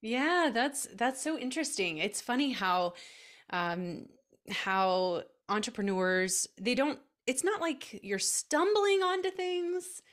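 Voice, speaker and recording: A woman hosting a casual interview, asking slow, encouraging questions. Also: on the high side, a bit bright. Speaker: interview host.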